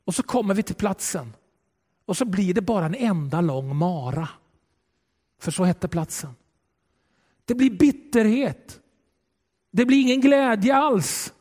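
Male preacher with a high voice, delivering a dramatic sermon in a reverberant church hall. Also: lively intonation, pauses often. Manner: dramatic, swings between loud and hushed. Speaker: pastor. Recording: long reverb of a large hall.

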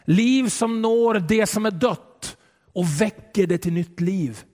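Male preacher with a high voice, delivering a dramatic sermon in a reverberant church hall. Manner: dramatic, swings between loud and hushed. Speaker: pastor. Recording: long reverb of a large hall.

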